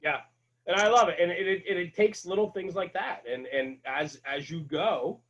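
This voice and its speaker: The lo-fi recording carries a high, slightly bright voice at a moderate pace. It belongs to a middle-aged firefighter and fire-service radio host who, as a podcast guest, chats casually about his work, earnest and emphatic, going over his key points repeatedly.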